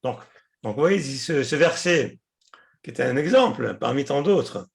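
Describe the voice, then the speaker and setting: A man teaching a class, explaining patiently, repeating words and pausing often with hesitations. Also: medium pitch, animated, gravelly. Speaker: Hebrew teacher.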